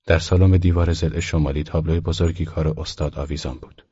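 A man narrating an audiobook in a steady, measured reading voice. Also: rumbling low, husky. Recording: dull lo-fi recording.

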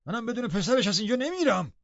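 A man reading a story aloud, voicing a surly, pious old male servant who talks loudly and insists on his demands. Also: very animated, no echo, exaggerated voice. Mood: insistent. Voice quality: high strained old man's voice. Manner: loud, commanding, insistent. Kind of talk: audiobook reading. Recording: dull, dry studio recording.

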